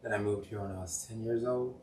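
A man's voice: fairly low pitch, steady tone, fairly quick, darkish tone. A young man from Cameroon, a podcast guest, talking in a chatty, jokey way full of "um" and "like". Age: young adult. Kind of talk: casual interview chat. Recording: roomy, distant mic, faint noise.

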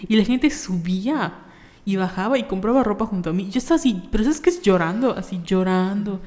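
A woman's voice: medium pitch, expressive, a little fast, a little mellow. Chatty young Mexican woman, echoey room. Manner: chatty storyteller, acts out quoted voices. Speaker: podcast co-host. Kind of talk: casual chat.

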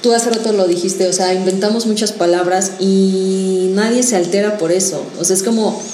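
A woman's voice: medium pitch, fairly even intonation, normal speed, warm tone, a little hiss or hum. A woman in casual debate chat, co-hosting a podcast, arguing and acting out imagined quotes. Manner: argumentative, acts out hypothetical quotes. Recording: roomy echo with faint music.

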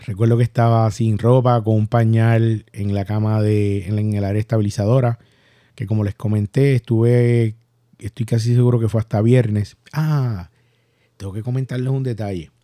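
A Puerto Rican man with a Puerto Rican Spanish accent, hosting a podcast and recounting a personal story in a halting, reflective way. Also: lowish voice, steady tone, dark tone, dry recording, clean studio sound. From Puerto Rico. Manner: halting, reflective, many restarts and fillers. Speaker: podcast host.

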